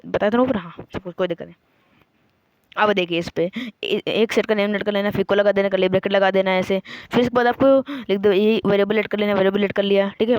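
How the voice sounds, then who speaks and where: A man's voice: high-pitched, clear, resonant tone, no room sound. Indian teacher guy going over set notation step by step, says everything twice, dry close sound. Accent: Indian English. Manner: repetitive, step-by-step explaining, slow dictation of terms. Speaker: maths teacher. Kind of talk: online maths lesson.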